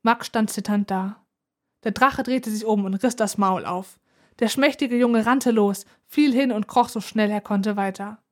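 A woman narrating a children's adventure story aloud in an even, expressive way. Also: medium pitch, measured pace. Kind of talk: storybook reading.

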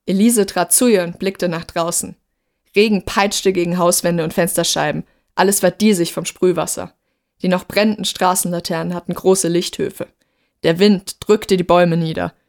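A woman narrating a story in a steady, measured reading voice. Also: on the low side, gravelly.

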